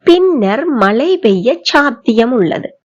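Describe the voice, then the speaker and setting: A woman with a Tamil accent teaching spoken English, drawing out model sentences slowly for learners to repeat. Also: a little high, very animated, muffled recording. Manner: slow, drawn-out model sentences for repetition. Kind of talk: bilingual language lesson.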